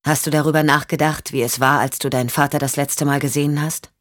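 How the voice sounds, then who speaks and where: A woman voicing a calm male investigator who questions gently and patiently, for an audiobook. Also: deep voice, fast talker, no echo, studio quality, lightly acted.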